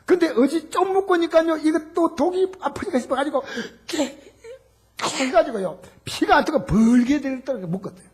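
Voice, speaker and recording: A middle-aged male pastor preaching a Sunday sermon, telling a personal story and acting out shouted quotes. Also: extremely high pitch, expressive, fairly quick. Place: church sanctuary.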